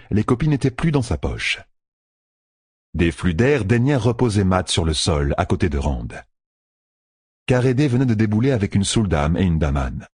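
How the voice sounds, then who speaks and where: A man narrating an audiobook in an expressive, measured way, recorded close and dry. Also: low-pitched, husky, dry recording.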